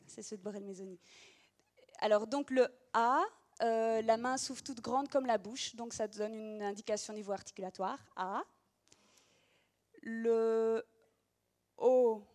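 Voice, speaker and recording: A woman's voice: on the high side, a little mellow. A woman teacher giving an explanatory demonstration of reading gestures, talking patiently with frequent hesitations.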